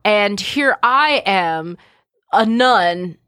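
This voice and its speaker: A woman's voice: mid-range voice, drawn-out words, no echo, clean studio sound. A woman co-hosting a podcast, chatting casually, swearing freely and reading aloud with dramatic flair. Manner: animated, swearing, giggly, reads aloud dramatically. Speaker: podcast co-host. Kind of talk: casual chat.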